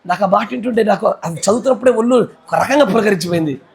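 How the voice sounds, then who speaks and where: A male pastor with a Telugu accent, preaching a fervent sermon that swings between shouting and low, intense speech. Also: fast, creaky.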